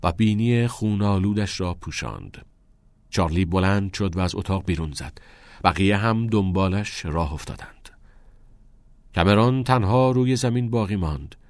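A man reading a novel aloud as narrator in a calm, measured way. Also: low-pitched, no room sound. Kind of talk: audiobook narration.

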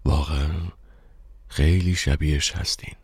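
A man reading the part of a reserved, brooding German musician in an audiobook, speaking low and terse. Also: vocal fry, darkish tone, husky, dry recording, exaggerated voice. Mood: distracted, insistent.

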